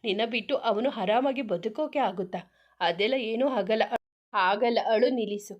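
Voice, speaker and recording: Woman doing a caring young wife in a story, brisk and soothing, kinda high. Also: highs cut off, lightly acted. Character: caring older sister-in-law, warm and teasing.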